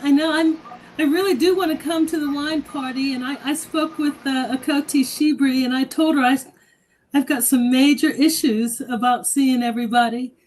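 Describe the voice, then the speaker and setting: A woman from Pittsburgh, Pennsylvania, calls in to a livestream. Her voice is high, and she talks politely and hesitantly, often pausing with fillers. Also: steady tone, a little mellow, poor audio. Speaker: caller. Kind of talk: casual call-in chat.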